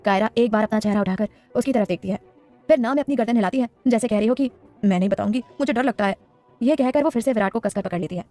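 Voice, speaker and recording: Brief: woman narrator for a serial audio story, rapid, dramatic delivery over soft music. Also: a little high.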